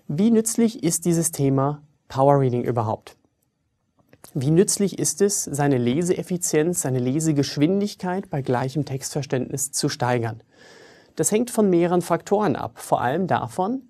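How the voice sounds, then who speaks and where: A man in his thirties who grew up in Germany, a trainer giving a scripted video lecture in a lively, wry, self-ironic manner, recorded in a studio on a clip-on mic. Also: mid-range voice. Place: studio with a virtual library backdrop.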